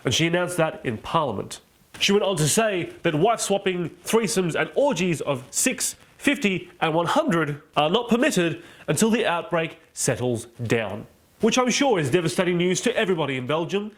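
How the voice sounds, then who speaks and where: A man's voice: fairly high pitch, big pitch swings, normal speed. Playful man, mocking comedy monologue. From Australia. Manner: mocking, playful asides and put-on quotes. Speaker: comedy show host.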